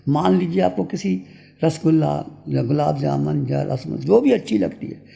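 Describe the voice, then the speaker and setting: An older man, a spiritual teacher, giving a sermon and leading a guided meditation in a slow, repetitive, meditative cadence with a gravelly voice. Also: fairly high pitch, dark tone, big-room sound.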